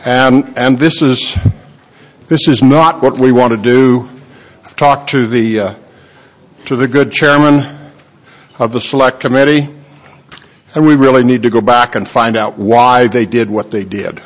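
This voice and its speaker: Unhurried male legislator at the floor mic. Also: medium pitch, steady tone. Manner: plain, halting procedural talk with restarts. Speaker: legislator and committee chairman. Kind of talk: floor speech. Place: legislative chamber. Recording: dull lo-fi chamber feed.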